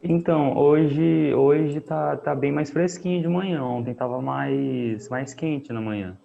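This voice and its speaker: A man's voice: on the high side, slow pace, creaky, mellow, highs cut off, a little hiss or hum. A man, helping the teacher in a remote class, with brief agreeable replies. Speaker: class helper. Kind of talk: casual chat.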